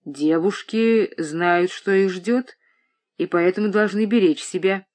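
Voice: medium pitch, takes it slowly, close to an everyday voice. A reader voicing a furious grey-haired old father. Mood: stern. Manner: outbursts of shouting and moaning. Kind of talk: audiobook reading.

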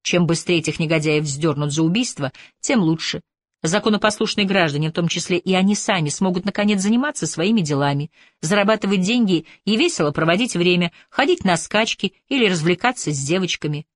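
A woman reading an audiobook in an even, measured narration. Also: lowish voice, no echo, clean studio sound. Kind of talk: scripted narration.

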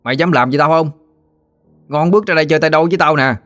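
A man's voice: fairly high pitch, fast talker, a bit bright, voice pushed up, natural voice. A man voicing a burly, boastful boy bully who taunts and swaggers. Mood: taunting.

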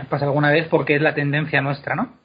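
A man explaining pronunciation in a casual, animated way, drawing words out slowly to demonstrate them. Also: on the high side, slightly rough. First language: Spanish. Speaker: guest explaining Elvish pronunciation. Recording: dull lo-fi podcast recording.

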